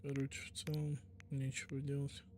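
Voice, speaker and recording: A man's voice: mid-range voice, completely flat delivery, normal speed, a little hiss or hum. A man giving casual gameplay commentary, muttering to himself as he plays. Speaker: gameplay streamer. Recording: loud game music behind the voice.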